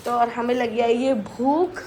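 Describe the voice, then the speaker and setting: A woman's voice: a little high, unhurried, dark tone, a little hiss or hum. A woman with a cold chatting casually in a home vlog, talking to her children and viewers. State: has a cold. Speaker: vlogger and mother. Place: home indoors.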